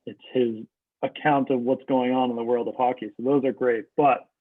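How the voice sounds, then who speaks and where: A young man chats in a relaxed way as a podcast co-host and laughs easily. His voice is mid-pitched and comes through a dry, tinny line that sounds like a phone call. It is a casual hockey talk. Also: normal speed, no echo.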